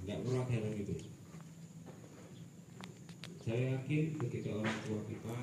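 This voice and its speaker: A man with a fairly low voice addresses a gathered group of students, firm and corrective but dropping into casual asides. The sound is roomy and echoey. He is picked up from a distance, with steady background noise. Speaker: speaker addressing students at a school assembly. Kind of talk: lecturing, giving instructions. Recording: echoey, far from the mic, noisy.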